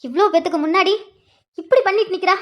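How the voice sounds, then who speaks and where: A woman's voice: very high voice, fast, fairly bright tone. A woman voicing a middle-aged mother in a cartoon who indignantly scolds her husband and daughter. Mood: scolding.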